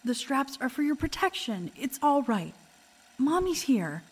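A woman's voice: sits high, sing-song, unhurried. A woman playing a ghostly doctor and mother, tender yet torn, in an audio drama. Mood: soothing, tender.

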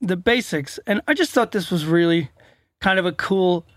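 Co-host, man in his 40s, high voice, dry close mic, steady delivery reading from notes. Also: moderate pace, dry recording. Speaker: podcast co-host. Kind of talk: casual chat.

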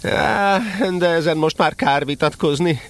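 A man playing a fussy, blunt, self-important male rabbit in a children's radio play, with an excitable manner. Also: a little high, gravelly. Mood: scolding.

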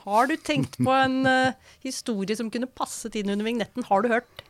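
A woman's voice: on the high side, fairly even intonation, no room sound. A woman hosting a podcast, interviewing a guest and closing the episode in an articulate, upbeat way. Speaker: podcast host.

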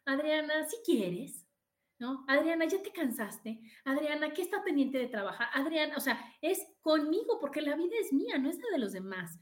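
A woman with a Mexican accent hosting a motivational podcast monologue, animated and repeating phrases for emphasis. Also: sits high, normal speed, roomy sound. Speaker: podcast host.

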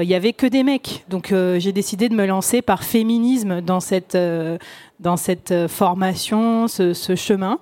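A woman's voice: medium pitch, darkish tone, no echo. A woman podcaster talking on a round-table panel in a loose, chatty way, full of fillers and restarts. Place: conference stage.

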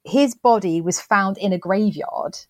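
A woman's voice: mid-range voice, unhurried, darkish tone, no room sound. A woman co-hosting a podcast in casual, chatty talk, self-deprecating and full of restarts. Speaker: podcast co-host. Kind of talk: casual chat.

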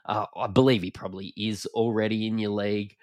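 A man's voice: lowish voice, little pitch movement, a little fast, no room sound, clean studio sound. A man from Australia with a broad Australian accent, chatting informally and matily as a sports podcast host with plenty of slang. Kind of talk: casual basketball analysis chat.

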